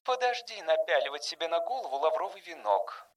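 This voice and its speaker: A man voicing a cautious, skeptical female ship engineer who speaks in a quiet murmur. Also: on the high side, expressive, fairly quick, distant mic, voice pushed up. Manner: hushed, murmured.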